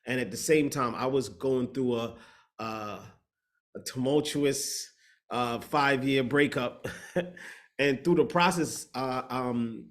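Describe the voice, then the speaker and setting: Speaking slowly in a mid-range voice, a Bahamian matchmaker and speaker shares his story reflectively and steadily in an interview over video call. At times he searches for the right words.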